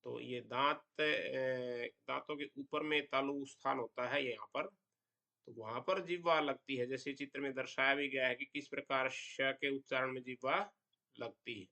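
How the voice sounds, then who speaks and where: A man teaching a Sanskrit pronunciation lesson, explaining slowly and deliberately and drawing out example sounds. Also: medium pitch, steady tone, creaky, pushed and bright.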